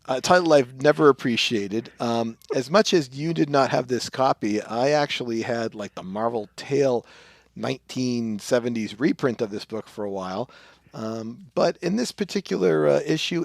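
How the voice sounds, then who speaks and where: Man, podcast host, gravelly voice, mid pitch, rambling casual recap, dry close mic. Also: dry recording. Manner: rambling, with many fillers, acts out lines in exaggerated voices.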